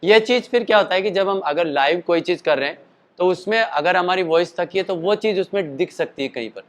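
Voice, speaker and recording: Talking a little fast, a man with a slightly high voice runs a relaxed voice lesson, his explanations chatty and wandering. He occasionally breaks off to demonstrate calls and sung notes. As a singing teacher who performed a show the night before, he has a tired-sounding throat.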